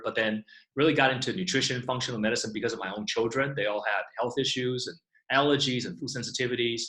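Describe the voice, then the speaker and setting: A man's voice: medium pitch, pushed and bright. Casual middle-aged man in an echoey room. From Taiwan. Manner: casual, many fillers like "you know". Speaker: guest chiropractor. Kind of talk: online Q&A interview.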